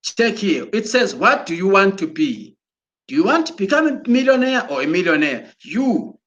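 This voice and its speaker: A man giving an excited promotional talk, exhorting listeners and often restarting his words as he goes. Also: high voice, moderate pace, lo-fi sound. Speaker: broadcaster.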